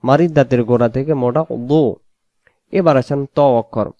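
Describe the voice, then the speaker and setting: A man from Bangladesh, speaking Bengali with a Bangladeshi accent, teaches how to pronounce Arabic letters for Quran recitation, slowly repeating each sound. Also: medium pitch, mellow, no room sound, muffled recording. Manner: slow, repetitive drilling of letter sounds; sometimes sings out the letters. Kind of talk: spoken tutorial on Arabic letter pronunciation.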